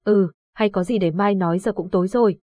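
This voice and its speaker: A woman voicing a young village man who is anxious but steady, reassuring and polite to elders. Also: mid-range voice, a little fast, slightly rough, no echo, close to an everyday voice. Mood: earnest.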